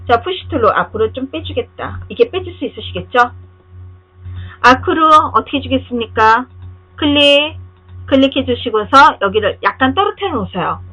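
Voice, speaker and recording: A woman with a slightly raised pitch and a husky, breathy edge walks through software steps one by one. Her pitch moves a lot as she poses rhetorical questions to check that the viewer is keeping up. The recording is dull and lo-fi, like an older screen capture. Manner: step-by-step, directive instructing. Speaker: software instructor. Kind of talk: screen-recorded tutorial narration.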